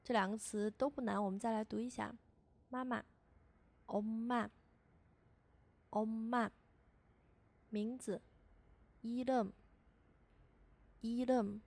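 A woman teaching a beginner language lesson as a voice-over, patiently repeating each sound slowly for learners. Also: on the high side, fairly even intonation, vocal fry, a little mellow.

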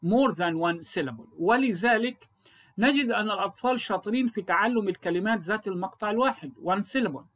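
A middle-aged man with an Egyptian Arabic accent, an English teacher, walks other teachers through a phonics lesson. His voice sits high and a bit bright, and he talks fairly quickly, posing rhetorical questions and then answering them himself.

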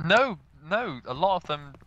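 A man's voice: high-pitched, sing-song, a little slow, fairly bright tone, muffled recording. A young man chatting and joking while playing an online shooter, giggly and sarcastic. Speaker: gaming commentator. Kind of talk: casual gameplay chat. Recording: faint background noise.

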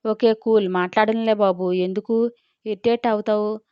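A woman's voice: mid-range voice, fairly even intonation, normal speed, smooth, no echo, dull audio, natural voice. A woman voicing a young woman who teases her friend bluntly and emphatically in an audio story. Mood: teasing. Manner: teasing and emphatic.

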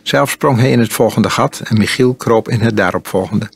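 A man narrating an audiobook in a calm, measured storytelling manner. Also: on the low side, gravelly, husky, no room sound. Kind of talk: audiobook reading.

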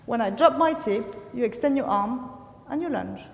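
A woman's voice: on the high side, animated, moderate pace, gravelly. A woman speaking as a fencing master, teaching a drill with short commands, corrections and brief praise. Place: large reverberant indoor room. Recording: echoey hall with long reverb.

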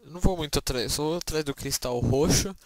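A man's voice: fairly high pitch, fairly quick, very noisy. A man with a Brazilian accent giving casual gameplay commentary as he plays. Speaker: gamer. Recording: loud game music behind voice. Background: video game music and engine sounds.

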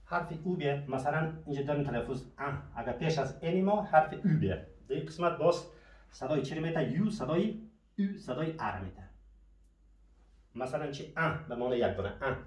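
Here the French teacher's voice sits on the high side and sounds expressive. Patiently, he asks questions during his classroom explanation and answers them himself, heard through a faraway mic in an echoey space.

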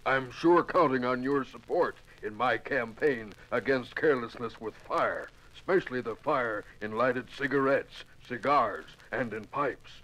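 Smokey Bear, folksy ranger bear. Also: male voice, mid-range voice, a bit bright, poor audio. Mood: friendly, earnest. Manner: folksy, deliberate, emphatic. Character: friendly male cartoon bear forest ranger, folksy and solemn. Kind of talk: 1950s radio public service message. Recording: 1950s radio transcription record.

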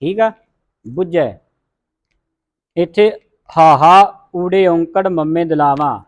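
Speaking a little slowly in a voice on the high side, a man with a Punjabi accent leads a recitation class. As a Gurbani pronunciation teacher, he sounds out the letters of scripture words and the group says them back.

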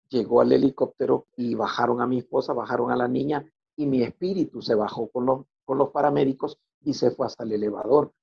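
A man telling his personal religious testimony, halting and repeating words as he goes. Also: medium pitch, gravelly, breathy edge, muffled recording. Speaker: testimony speaker.

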